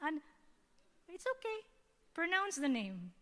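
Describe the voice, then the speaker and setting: A woman's voice: high-pitched, big pitch swings, takes it slowly, bright, forceful tone. Woman, Filipino accent, youth sermon, conversational, keeps checking in with the crowd, long hall reverb. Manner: conversational, keeps asking "diba?". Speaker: youth service speaker. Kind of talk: Taglish sermon teaching. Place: church hall.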